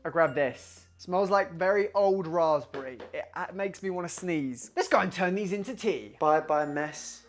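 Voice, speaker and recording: Young male vlogger; excitable, rambling, sweary home-video delivery. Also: high-pitched, normal speed, hardly any pauses, soft background music. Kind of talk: casual vlog chat.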